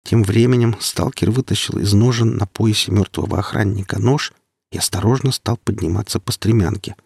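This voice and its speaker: A man reading an audiobook in a steady, measured way. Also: fairly low pitch, gravelly, husky, no echo, clean studio sound. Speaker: audiobook narrator. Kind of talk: audiobook narration.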